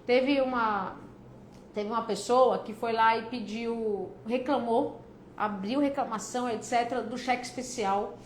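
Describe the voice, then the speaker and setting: High-voiced chatty woman from São Paulo. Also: unhurried. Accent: São Paulo Brazilian Portuguese. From São Paulo, Brazil. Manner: chatty and joking, calls viewers "filha" and "cara". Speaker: debt advisor hosting a live stream. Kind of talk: casual live stream answering viewer questions. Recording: echoey room with faint background noise.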